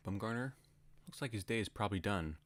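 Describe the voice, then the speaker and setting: Man, deep voice, home play-by-play, laid-back asides. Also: quick pace. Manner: relaxed, chatty asides between calls. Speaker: play-by-play announcer. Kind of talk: casual solo baseball commentary.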